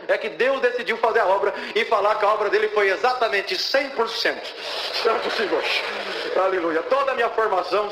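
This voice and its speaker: A man's voice: high voice, fairly bright tone, slight background noise. A young Brazilian man giving a fervent testimony at a church service, breaking off often to praise God. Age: young adult. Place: church hall. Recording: echoey church hall with faint ambience.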